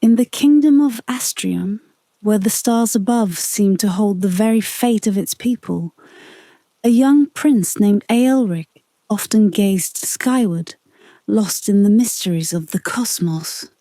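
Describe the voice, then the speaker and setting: A woman narrating a scripted bedtime story in a calm, gentle, soothing manner, close to the microphone. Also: mid-range voice, no echo. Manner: slow, calm, gentle delivery.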